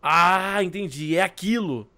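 A man hosting a Minecraft let's play, joking with a friend and yelling in panic. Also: sits high, unhurried. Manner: jokey, shouts in panic, teasing. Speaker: gaming channel host.

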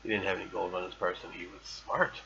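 Low and gravelly, a man's steady, fast voice comes through a muffled recording. He's a podcast host playing an old online game, chatting casually and reading its text aloud with playful bravado.

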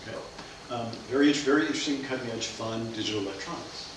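This middle-aged physics lecturer speaks fast in a mid-range voice, explaining concepts at a science cafe through a question-and-answer style. The seminar room, fitted with a projector screen, sounds echoey, and the far camera mic makes him distant amid noise.

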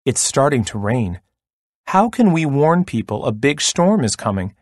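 Small silly male bird, voiced by a man, storybook, lively pitch, dry sound. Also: measured pace, no echo. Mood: eager.

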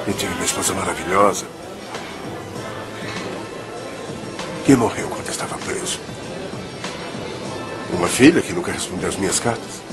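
An actor playing a weary, regretful middle-aged ex-convict boxing trainer in a Brazilian dubbed film drama. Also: male voice, deep voice. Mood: drunk, regretful. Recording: film soundtrack with music behind.

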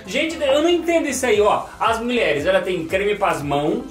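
A man, the vlogger's father, making deadpan jokes. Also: high voice, moderate pace. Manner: deadpan, joking. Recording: echoey room from a distance with music.

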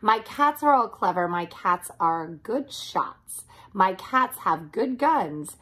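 A woman's voice: medium pitch, lively intonation, slow, a bit bright. A woman voicing a big, boastful, cheerful storybook cat with a showy, emphatic manner. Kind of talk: storybook character reading.

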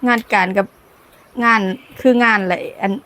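A woman's voice: medium pitch, normal speed, a bit bright. A woman from Laos with a Lao accent chats casually through a cooking vlog outdoors in the sun, laughing often, filmed on a camera by her niece. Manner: chatty, laughs often while talking. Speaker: cooking vlogger. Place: outdoors in sunshine.

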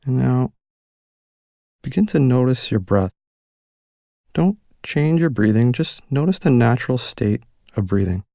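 A man narrating a guided mindfulness meditation as the guide, giving calm, gentle, unhurried instructions with long pauses between phrases. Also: mid-range voice, gravelly, no room sound, clean studio sound.

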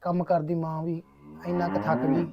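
A man's voice: a little high, completely flat delivery, gravelly, lo-fi sound. A man playing a remorseful young kidnapper. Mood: sorrowful. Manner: halting, confessional, repeats phrases. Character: young male kidnapper, poor, bitter and remorseful. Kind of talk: short film drama acting.

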